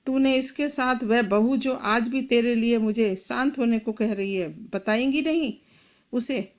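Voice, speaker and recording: A woman's voice: on the high side, unhurried, close to an everyday voice. A woman voicing an enraged young husband. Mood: angry. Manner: shouting, accusing. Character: furious grieving young husband.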